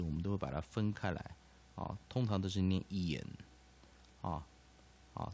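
A man's voice: on the low side, gravelly, a little mellow. A man teaching English pronunciation, padding his sentences with filler particles and repeating each point. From Taiwan. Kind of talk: explanatory lesson.

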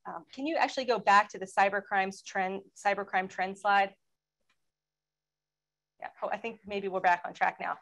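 A woman speaking as a panelist in a webinar presentation, explaining in a steady way and asking for slide changes. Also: medium pitch, moderate pace, vocal fry, pauses often, low-quality recording. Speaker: federal law enforcement panelist.

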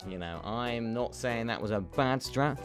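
A young man giving excitable, giggly commentary over his own gameplay, talking to himself as he plays. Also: mid-range voice, a little slow, faint music behind. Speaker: gaming YouTuber.

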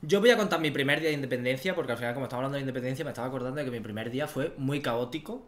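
Sitting at a desk in a small studio, a young Andalusian man from Almería, in his twenties, co-hosts a podcast and swaps stories animatedly, laughing a lot and mimicking voices. His pitch is medium and his speech races. He talks into a desk microphone on a stand.

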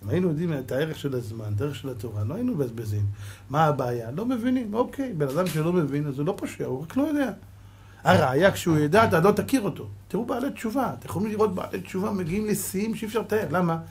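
Brief: rabbi preaching, lifted pitch, punchy questions and quiet asides. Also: male voice, expressive. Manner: emphatic, rhetorical questions, dropping to a hush for effect. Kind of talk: sermon.

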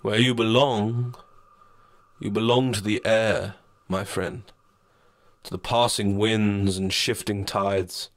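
A man's voice: fairly low pitch, little pitch movement, takes it slowly, clean studio sound. A man voicing a mocking, formless shadow entity. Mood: taunting. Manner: taunting, smooth and condescending. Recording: long reverb.

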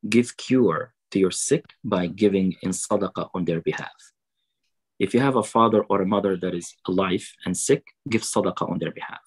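A man with a low, husky voice preaches to an online audience for a charity drive. He recites a saying in Arabic, then slows down to translate and explain it. The sound comes through a webcam on a video call. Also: low-quality recording. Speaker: preacher at a fundraiser. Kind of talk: online fundraising sermon.

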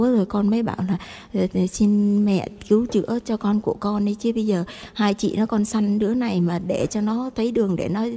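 A woman's voice: mid-range voice, mellow, big-room sound. A woman gives a rambling spoken faith testimony to a priest, repeating herself and addressing him humbly as a mother.

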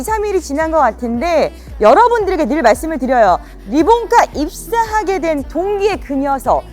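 A woman presenting a used car in a slick, polished sales pitch, full of rhetorical questions like a practiced dealer. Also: a little mellow.

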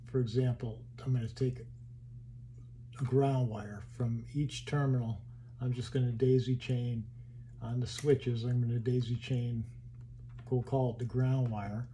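Dark-voiced man thinking aloud in workshop. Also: medium pitch, a little hiss or hum. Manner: halting, thinking aloud while handling parts. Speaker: hobbyist builder. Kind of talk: casual workshop walkthrough. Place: home workshop.

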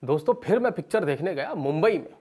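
A man's voice: on the high side, fast, breathy edge, faint music behind. A man in his thirties doing stand-up, telling comic stories and acting out other people's lines. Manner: animated, acts out characters with raised voice. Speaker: stand-up comedian. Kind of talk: stand-up storytelling.

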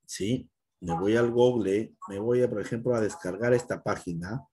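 A man's voice: lowish voice, normal speed, dark tone, husky. A middle-aged male computer teacher, recording a lesson and talking straight to a student, sometimes acting out the student's fears. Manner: talks straight to one student, acts out pupils' fears.

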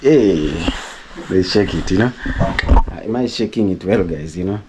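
A man's voice: sits low, lively intonation, measured pace, background noise. Chatty Kenyan man vlogging. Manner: chatty, repeats words, thanks donors warmly. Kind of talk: casual vlog talk.

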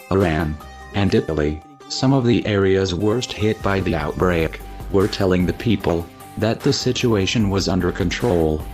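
A man reading a scripted anonymous statement in a disguised deep voice, pitched down by a voice changer, with a steady, grave, accusing delivery. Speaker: anonymous narrator.

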